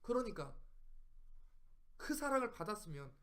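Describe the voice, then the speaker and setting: High-voiced man preaching a Bible lesson. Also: big pitch swings, normal speed, a bit bright. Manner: emphatic, fires rhetorical questions at listeners; repeats phrases for emphasis. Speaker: Bible study teacher.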